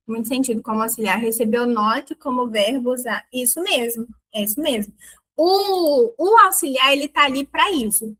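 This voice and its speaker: Bright, high-voiced woman teaching. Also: rough recording. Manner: lively, explanatory, exaggerates intonation on examples; chatty and playful with students. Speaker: English teacher. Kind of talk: online language lesson.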